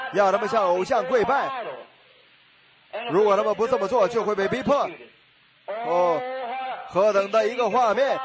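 A man preaching a sermon with fervent exclamations and rhetorical questions. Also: sits high.

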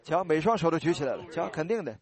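A man's voice: a little high, lively intonation, fast talker. A man preaching a sermon and giving an altar call, earnest and pleading, repeating blessings over the people who stand.

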